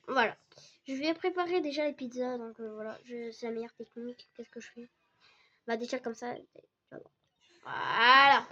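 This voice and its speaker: A young woman with a sore, hoarse throat, rambling excitedly in casual game commentary for her channel. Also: fairly high pitch. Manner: rambling, excitable, many restarts and fillers. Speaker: gaming channel host. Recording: dull lo-fi recording.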